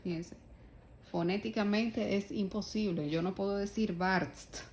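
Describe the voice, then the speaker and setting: A woman's voice: mid-range voice, fairly even intonation, moderate pace, warm tone, slight background noise. A woman teaching a German grammar lesson in Spanish, explaining patiently step by step and asking her students rhetorical questions. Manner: addresses the class as "ustedes", asks rhetorical questions. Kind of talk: spoken language lesson.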